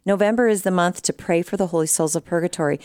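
A woman's voice: lowish voice, quick pace, a little mellow, clean tone, no echo. A middle-aged woman hosting a radio talk show, chatting casually in a studio and laughing easily.

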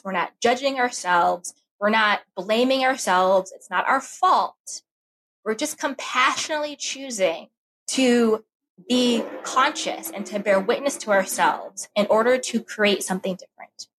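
Woman guest on a podcast, higher-pitched, lively storyteller. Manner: animated, acts out her inner voice when telling stories. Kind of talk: candid conversational advice.

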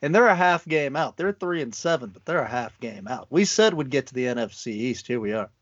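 A man's voice: mid-range voice, lively intonation, brisk, fairly bright tone, lo-fi sound. A man co-hosting a podcast, chatting casually about football, laid-back and laughing easily, with frequent restarts. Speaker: podcast co-host. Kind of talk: casual sports chat.

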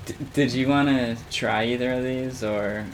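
A man chats casually, his speech halting and full of stammers and restarts. His pitch sits in an ordinary middle range. A faint hiss of background noise sits under his voice. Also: fairly even intonation. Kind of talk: casual chat.

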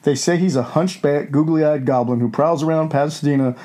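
A man's voice: on the high side, a little fast, warm tone, lightly acted. A man playing a gleefully crude wolfman who hosts a campy horror show with hammy, scripted storytelling. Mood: gleeful, ghoulish.

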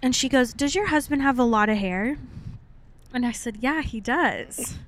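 A young adult American woman co-hosts a podcast, chatting informally and sharing personal stories with playful, made-up words. Her voice sits on the high side and moves at a moderate pace.

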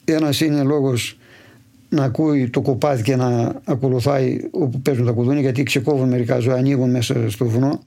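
A livestock farmer from Imathia, answering interview questions in detailed, steady storytelling. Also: male voice, mid-range voice, gravelly. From Imathia, Greece.

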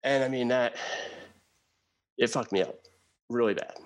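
A man in his thirties from New Jersey, telling his own hard life story as a guest in an earnest, halting way, often restarting his sentences. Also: mid-range voice, rough recording. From New Jersey, USA. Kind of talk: candid personal storytelling.

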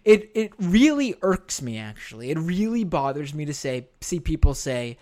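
An American man with a hoarse, worn-out voice hosts a live stream, talking casually and haltingly, repeating phrases for emphasis. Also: fairly high pitch, big pitch swings, dark tone. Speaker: live stream show host.

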